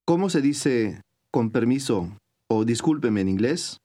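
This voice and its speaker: A man narrating an old-style recorded language lesson, clear and measured like a teacher giving drills, mid-pitched voice. he speaks steadily and carefully. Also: expressive, dark tone. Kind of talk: scripted instructional narration.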